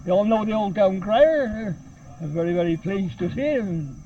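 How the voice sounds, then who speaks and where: A man's voice: high-pitched, expressive, normal speed, dark tone. An older Welsh man giving casual interview answers, often repeating his short phrases. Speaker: town crier being interviewed. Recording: muffled, noisy, distant field recording.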